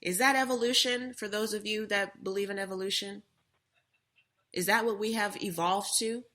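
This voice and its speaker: A woman's voice: mid-range voice, fairly even intonation, moderate pace, pushed and bright. A young adult woman co-hosting a casual talk show, earnestly telling a personal story.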